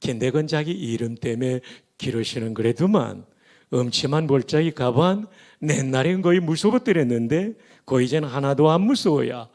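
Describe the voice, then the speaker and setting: A pastor voicing a blunt man reciting a psalm in a Pyongan accent, loud and emphatic. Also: mid-range voice, expressive, moderate pace, close to an everyday voice. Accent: Pyongan dialect.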